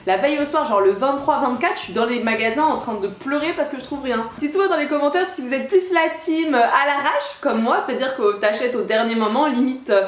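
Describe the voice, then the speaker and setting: Bubbly high-voiced young woman vlogger. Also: fairly quick, few pauses. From France. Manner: chatty, bubbly, many fillers and restarts. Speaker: YouTuber. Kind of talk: casual vlog chat. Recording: echoey room with light music.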